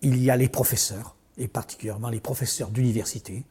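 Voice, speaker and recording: Man with a dark, husky voice. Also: medium pitch, quick pace. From southern France. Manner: reflective, animated, many restarts. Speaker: interview guest. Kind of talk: conversational interview.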